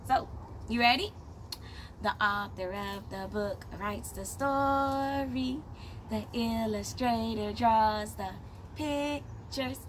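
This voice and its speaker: A woman in her thirties with a slightly high voice reads a picture book to young children as their teacher, using simple, deliberate phrases. She is outdoors on a patio beside plants, recorded by a camera a short distance away, with clear outdoor background noise.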